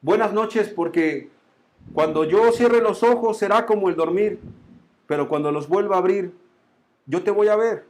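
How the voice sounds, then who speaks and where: A man's voice: sits high, moderate pace, a little mellow. A man preaching a sermon in a Colombian accent, telling a story with emphatic repetition and rising and falling intensity. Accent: Colombian Spanish.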